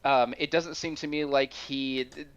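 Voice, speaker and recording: A man in a casual film discussion who talks haltingly, often searching for his words. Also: mid-range voice, fairly even intonation, fairly bright tone, clean tone. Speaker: podcast panelist. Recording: dull lo-fi sound.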